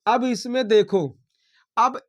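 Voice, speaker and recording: High-voiced man teaching maths step by step. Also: slow pace. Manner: talks through each step aloud, checking in with students. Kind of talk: blackboard maths lesson.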